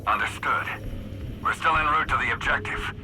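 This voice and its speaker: An actor playing a steady, authoritative male naval captain in a video game, terse and formal over a radio. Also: mid-range voice, normal speed. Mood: calm, businesslike. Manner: terse, formal military delivery. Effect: radio transmission. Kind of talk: video game cutscene acting. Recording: faintly noisy radio link.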